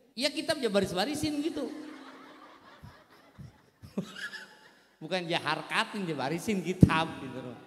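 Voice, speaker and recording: Comic Betawi male preacher, high and sharp-toned, long hall reverb. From Jakarta. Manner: joking, animated storytelling with playful voices. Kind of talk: comic religious lecture. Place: large hall at a religious gathering.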